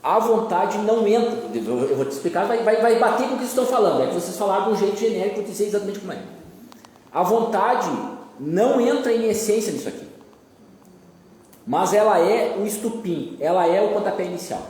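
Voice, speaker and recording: A man's voice: sits high, expressive, quick pace, darkish tone. A man teaching a group, explaining at length and repeating key phrases. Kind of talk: lecture with group discussion. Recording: echoey room, long reverb, faint noise.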